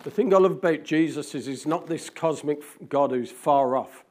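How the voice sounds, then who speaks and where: A man preaches an informal sermon, his voice sitting a little high for a man. He teases the congregation by name and swings between loud calls and hushed asides. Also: moderate pace. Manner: chatty, teasing the congregation by name. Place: church hall among a congregation.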